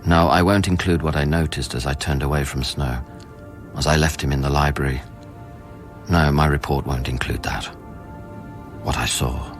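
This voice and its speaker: In a radio drama with music behind him, an actor with a rumbling low voice plays an earnest scientist newly arrived on a space station. Narrating events in the first person, he sounds troubled and reflective, brooding and deliberate, then turns urgent when he questions others.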